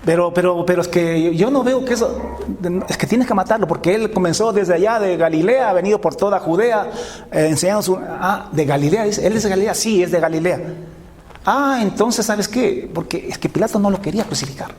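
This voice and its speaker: Male pastor, high voice, animated storytelling sermon, faint noise behind. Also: moderate pace. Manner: animated storytelling, acting out voices of biblical figures.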